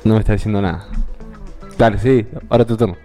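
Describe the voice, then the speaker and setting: A man's voice: lowish voice, steady tone, fast talker, warm tone, faint music behind. A man, playing a guessing game on a live stream, thinking aloud and repeating himself.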